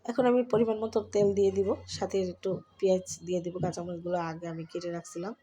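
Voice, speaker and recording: A middle-aged Bangladeshi woman talks chattily to her viewers as she works in her home kitchen. She has a cold, so her voice stays soft and easy. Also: fairly low pitch, fast talker, muffled recording, a little hiss or hum. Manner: chatty, talks to viewers while doing chores. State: has a cold, speaks softly. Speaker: vlogger. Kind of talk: casual cooking and home vlog narration.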